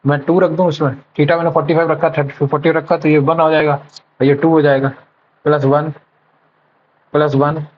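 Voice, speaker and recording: A man with a slightly high voice mutters through a mock test, counting numbers under his breath and stopping to fix his own mistakes. He switches between Hindi and English math terms as he works. The recording sounds dull and lo-fi. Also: little pitch movement, normal speed. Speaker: exam prep tutor solving a live mock test. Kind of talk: thinking aloud while solving math problems.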